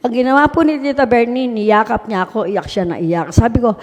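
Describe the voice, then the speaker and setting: A woman's voice: on the high side, a little fast. A woman, a mayor, earnestly telling a personal testimony to an audience in a polite, respectful way. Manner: polite, earnest storytelling with frequent respectful particles. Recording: long hall reverb.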